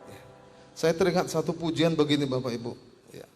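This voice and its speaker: A male pastor preaching a sermon in a church service, telling homely stories and swinging from loud exhortation to hushed asides. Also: on the high side, a little fast, long reverb tail. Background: instrumental music.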